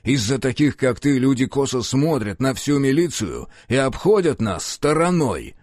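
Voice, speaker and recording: A man reading an audiobook, voicing a blunt middle-aged police chief who shouts and mocks with gruff scorn. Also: mid-range voice, big pitch swings, moderate pace, dry recording, studio quality, voice pushed up. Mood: furious. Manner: gruff, scathing, shouting in anger.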